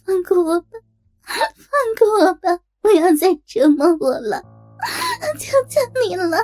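A woman's voice: extremely high pitch, animated, measured pace, dark tone, soft background music, pitched above the performer's own voice. A woman voicing a desperate young female police captain in an audio story, crying and pleading in a raised voice. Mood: pleading, tearful. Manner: pleading, tearful.

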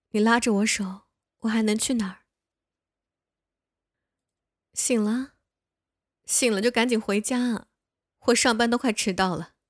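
A woman's voice: fairly high pitch, no room sound, studio quality. A young woman voicing a bossy but caring older neighbor woman who scolds and coaxes the listener in a one-sided audio role-play. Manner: playful scolding, coaxing.

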